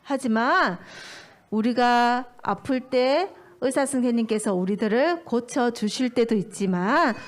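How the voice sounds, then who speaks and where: A woman preaching to small children, telling a story with animated, exaggerated delivery. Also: sits high. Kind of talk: storytelling sermon for young children.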